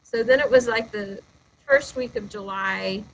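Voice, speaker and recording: In a roughly recorded webinar interview, a lead pastor tells personal stories from the heart. Her voice is on the high side and very animated, yet she keeps a measured pace, speaking earnestly and filling pauses often.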